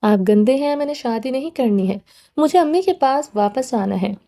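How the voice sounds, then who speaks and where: A woman's voice: high voice, expressive, mellow. A woman reading a frightened tearful young woman. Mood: pleading. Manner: pleading, timid, tearful.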